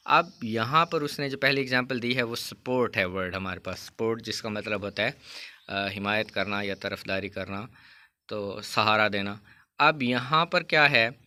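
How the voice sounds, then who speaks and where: A man teaching a grammar lesson in with a flavour, reading English rules aloud slowly and explaining them with many fillers. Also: on the low side, bright, forceful tone, clear, resonant tone.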